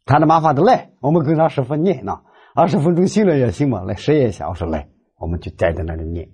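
A man tells a story at a Buddhist talk, acting out its dialogue. His pitch swings widely, and his voice is mellow and husky. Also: quick pace. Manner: animated, acts out dialogue. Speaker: lay Buddhist speaker.

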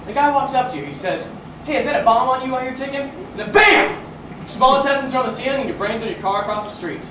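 A young man playing a ranting barfly who spins a rambling tall tale in a stage comedy sketch, stopping himself mid-story and working up to shouts, heard from far off in an echoey school auditorium. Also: extremely high pitch, sing-song, fast talker. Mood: wry. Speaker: student performer in a variety show sketch. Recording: echoey hall, mic far off, noisy.

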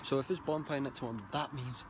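A man's voice: mid-range voice, fairly even intonation, fast talker. A young man with a south Wales Valleys accent, rambling casually and slangily to his vlog on a handheld phone. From Caerphilly, south Wales. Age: young adult. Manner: slangy, with "bruv" and "like". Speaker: vlogger. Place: mostly outdoors on a street at night. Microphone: phone at arm's length. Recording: noisy handheld phone, traffic ambience.

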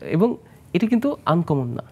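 A man's voice: a little high, very animated, normal speed, gravelly, dark tone, husky. A plastic surgeon from Bangladesh, a man, explaining treatments as a guest in a studio health interview, mixing in English medical terms. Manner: explanatory, mixes English medical terms, asks host questions.

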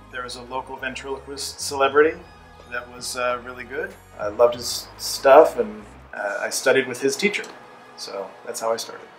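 A middle-aged man giving a reflective interview in a halting, thoughtful manner. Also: medium pitch. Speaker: ventriloquist being interviewed. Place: small theatre dressing room. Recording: echoey room, faint music.

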